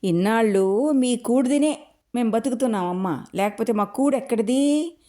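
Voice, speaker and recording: A woman reading aloud, voicing a loud-mouthed, quarrelsome poor village woman who complains and wails. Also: on the high side, moderate pace, pitched above the performer's own voice, close to an everyday voice. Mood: loud complaining. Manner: wailing, complaining loudly.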